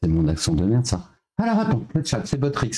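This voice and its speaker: Male streamer, mid pitch, casual rambling host chat, thinks out loud. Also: wildly swooping pitch, brisk, a crowd in the background. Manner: chatty, thinks aloud with filler sounds. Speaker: streamer hosting a live reaction.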